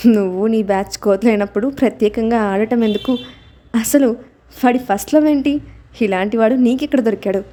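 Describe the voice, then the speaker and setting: A woman voicing a calm, sharp-tongued young man who speaks in a dry, mocking way. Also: a little high, a little fast, natural voice.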